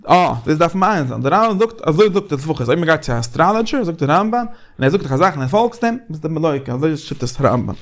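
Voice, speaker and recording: A man leading a casual Talmudic study discussion, animated and repeating phrases as he thinks aloud. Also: on the high side, quick pace, few pauses.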